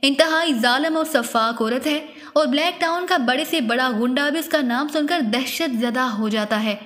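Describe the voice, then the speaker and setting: A captive woman spy, wounded and fearful, as the woman narrator plays her speaks in a high voice. A long hall reverb trails each line of this spy audiobook. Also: normal speed, fairly bright tone. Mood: confessing. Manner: pleading, fearful.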